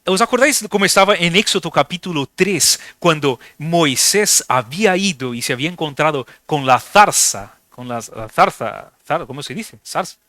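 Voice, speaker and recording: A man's voice: a little high, lively intonation, normal speed, hardly any pauses, bright, forceful tone, no room sound, studio quality. A man preaching a sermon in a church, explaining a text step by step and often checking in with his listeners. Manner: explanatory, asks listeners for agreement. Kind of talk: sermon teaching.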